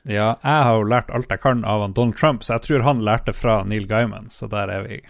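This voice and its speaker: A man in casual podcast chat, cracking irreverent jokes with a deadpan delivery. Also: fairly low pitch, creaky, no room sound, clean studio sound. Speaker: podcast co-host.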